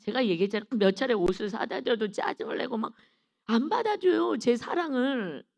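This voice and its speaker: A middle-aged woman preacher gives a dawn sermon, recounting a personal testimony with earnest emotion and often turning to address the congregation directly. Her voice is a little high and a little mellow, and she talks fast.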